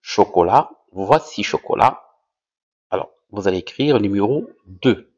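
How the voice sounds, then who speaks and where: Slow, low-voiced man teaching vocabulary. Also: expressive, darkish tone, breathy edge, lo-fi sound. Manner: repeats each word, over-articulated and rising on key words. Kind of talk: slow, deliberate vocabulary lesson.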